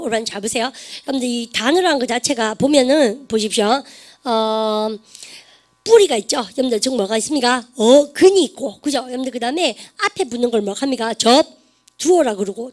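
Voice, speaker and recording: A woman teaching an online English grammar lesson, quizzing her students with quick questions. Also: a little high.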